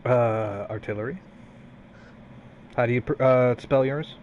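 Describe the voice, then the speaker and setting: A man's voice: mid-range voice, measured pace, highs cut off. A man casually hosting a tabletop roleplaying game as game master over an online voice chat. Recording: faint background noise, online voice chat.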